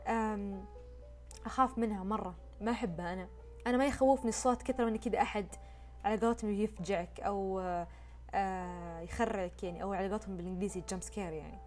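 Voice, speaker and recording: Woman vlogger, quick and chatty storytelling, light music bed. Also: mid-range voice. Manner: chatty, expressive retelling. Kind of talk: casual storytime chat.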